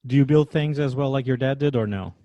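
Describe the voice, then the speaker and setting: A man's voice: mid-range voice, quick pace, warm tone, no echo. A man from Portugal with a Portuguese accent, hosting a podcast interview with an upbeat, scripted welcome. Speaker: podcast host.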